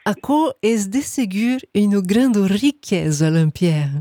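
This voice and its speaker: A woman from Brazil hosting a radio interview, lively and mixing Portuguese with Occitan. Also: mid-range voice, slow, no echo. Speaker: radio host.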